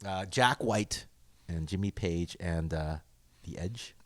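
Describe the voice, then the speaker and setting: Excitable man in casual gear talk. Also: low voice, unhurried. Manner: enthusiastic, animated, laughs often. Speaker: podcast host.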